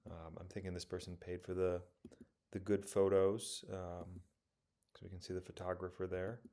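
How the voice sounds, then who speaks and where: A man casually talking through auction photos of a car, rambling and correcting himself with many pauses. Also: low voice, little pitch movement, dark tone. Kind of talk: casual commentary over photos.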